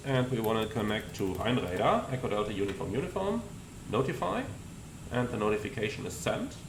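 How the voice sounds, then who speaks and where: This man has a mid-range, creaky voice. In the role of a pilot presenting a flight simulator, he gives explanatory commentary and radio readbacks against a roomy backdrop of constant cockpit noise.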